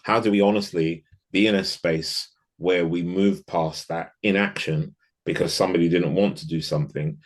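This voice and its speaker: A man's voice: low-pitched, steady tone, moderate pace. A man from the UK, a podcast guest talking in a casual interview, reflective and thinking aloud with frequent restarts.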